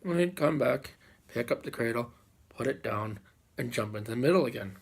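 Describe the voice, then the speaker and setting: Husky-voiced man telling a folk story. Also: mid-range voice, lively intonation. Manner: unhurried with dramatic pauses and repeated phrases. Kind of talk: live oral folk storytelling.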